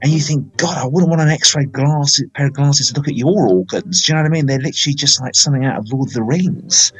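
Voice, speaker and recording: A husky-voiced man in his forties rambles through casual film chat on a live podcast, circling back with plenty of ums. His pitch sits in an ordinary middle range. Faint music plays behind him. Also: quick pace, poor audio. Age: 40s. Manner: rambling, chatty, many fillers.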